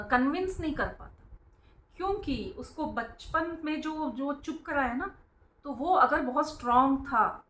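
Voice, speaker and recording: A woman's voice: on the high side, fairly bright tone. A woman gives an informal spiritual talk, explaining earnestly, calling her listeners friends and acting out how parents scold their children. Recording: roomy, echoing sound.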